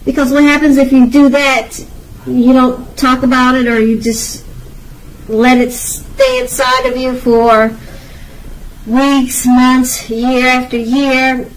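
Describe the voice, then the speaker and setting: A woman reads tarot cards without a script, her high voice delivered flatly and slowly. She reassures and advises the viewer, with hesitations and repeated phrases, and the mic sits some distance from her.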